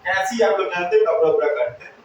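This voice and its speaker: Guy teaching english in class, high voice, keeps quizzing the room, really echoey and far from the mic. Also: animated, fast talker, dull audio, slight background noise. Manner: drills students with repeated questions. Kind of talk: classroom lesson with call-and-response.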